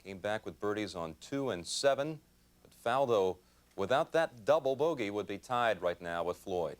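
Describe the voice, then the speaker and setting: A man's voice: on the low side, expressive, moderate pace. A man presenting live golf coverage as host in a polished broadcast style.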